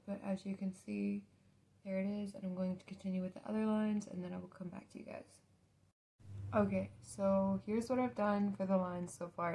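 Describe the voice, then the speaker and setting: A woman's voice: medium pitch, gravelly, mellow. A young woman giving a casual, chatty makeup tutorial, informal and apologetic as she thinks aloud, talking with a mouth still recovering from wisdom teeth removal.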